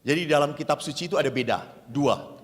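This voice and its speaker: Animated high-voiced priest in a reverberant hall. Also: male voice, quick pace. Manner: lively storyteller who acts out dialogue. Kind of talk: humorous retreat sermon.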